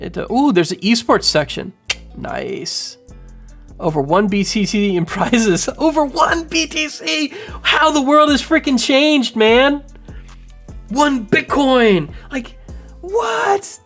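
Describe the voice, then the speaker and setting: A man in his thirties doing casual livestream commentary from home on a boom mic, rambling and animated, full of fillers. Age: 30s. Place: home room. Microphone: studio mic on boom arm.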